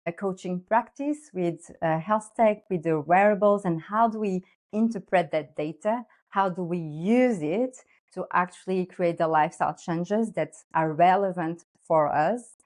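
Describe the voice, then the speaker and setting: A woman's voice: lowish voice, a little slow, darkish tone. A woman in her thirties from Portugal with a Portuguese accent, a guest coach explaining her work earnestly in a podcast interview. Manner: earnest, explanatory, with fillers and restarts.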